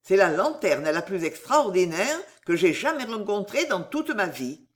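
A woman reading aloud, voicing a kindly, portly old gentleman who is fussy and exclamatory. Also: medium pitch, big pitch swings, a little slow. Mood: flustered.

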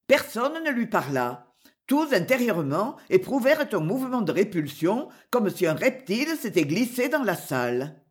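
In a mid-range voice, an audiobook narrator performs scripted literary narration of a classic novel, telling the story slowly and with expression.

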